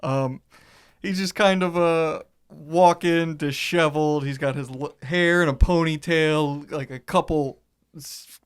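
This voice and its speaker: A man playing a tabletop game, describing his character casually and haltingly. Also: a little high, steady tone, clear, resonant tone.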